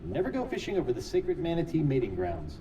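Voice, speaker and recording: A man's voice: fairly high pitch, wildly swooping pitch, fast talker, far from the mic, crowd noise. An actor playing a wry, quippy young would-be pirate hero in a video game, his voice run through a muffled underwater filter. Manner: wry, joking asides. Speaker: game character.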